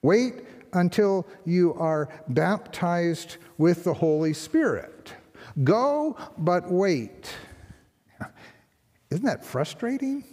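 An older man, an interim pastor, preaching a sermon from a lectern with a conversational tone and rhetorical questions. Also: drawn-out words. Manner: conversational, rhetorical questions, lively pitch swings. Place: large church sanctuary, behind a lectern. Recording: long hall reverb in church.

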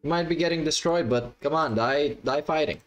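A man's voice: fairly high pitch, fairly quick, muffled recording. A man giving blunt, mocking, sweary casual commentary as a streamer reacting to gameplay. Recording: noisy livestream with game audio.

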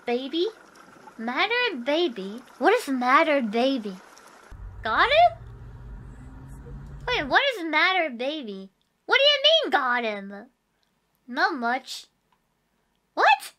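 A woman streamer with a very high, wildly swooping, bright voice in cute anime style. She reacts casually and with bewilderment, leaving space between her words. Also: huge pitch swings, slow, pauses often. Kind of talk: casual livestream reaction chat.

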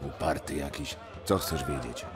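An actor playing a sullen, defeated former bodyguard in a fantasy game, curt, weary and morose. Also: male voice, extremely low pitch, moderate pace, music in the background, a crowd in the background. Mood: bitter, weary. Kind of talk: fantasy video game voice acting.

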